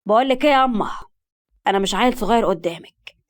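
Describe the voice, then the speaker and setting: A woman's voice: mid-range voice, expressive, rapid-fire, lightly acted. A woman reading a stern, hot-tempered young man. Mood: angry. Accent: Egyptian. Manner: commanding, firm.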